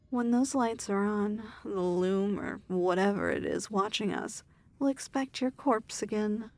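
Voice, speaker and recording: Her voice pitched on the high side with no echo, a woman performs a weary yet imperious demon lord for an ASMR fantasy roleplay. She speaks gently and formally, choosing each word with measured care.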